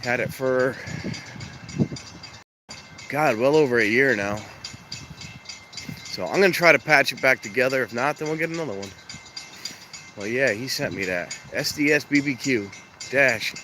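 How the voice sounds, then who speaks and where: A man with a stuffed-up nose live-streams casually as a train-spotting vlogger at a railroad crossing, easygoing and prone to rambling chatter. He speaks with medium pitch and expressive delivery at a moderate pace, leaving long pauses. Wind noise hits his handheld camera mic, and loud traffic and outdoor sound fill the background.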